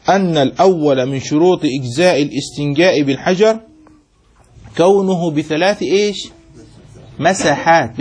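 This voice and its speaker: Husky high-voiced man teaching a text. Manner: reads a passage, then explains it; keeps checking students follow with quick questions. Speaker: sheikh teaching Islamic jurisprudence. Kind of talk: classroom text commentary lesson.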